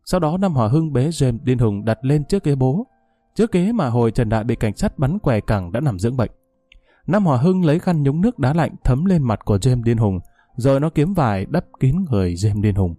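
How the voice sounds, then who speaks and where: A man narrating a dramatic story in a measured way. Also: mid-range voice, animated, warm tone, no echo, soft background music.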